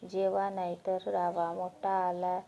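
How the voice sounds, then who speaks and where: A woman voicing a tough, sharp-tongued village wife who scolds her drunken husband, in a storybook reading. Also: fairly low pitch, completely flat delivery, slow, vocal fry. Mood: scolding. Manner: scolding, exasperated. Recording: dull lo-fi recording.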